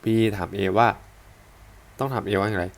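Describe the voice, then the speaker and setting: A man's voice: on the low side, moderate pace, vocal fry. A man with a Thai accent teaching a language lesson, patiently repeating and breaking down example sentences.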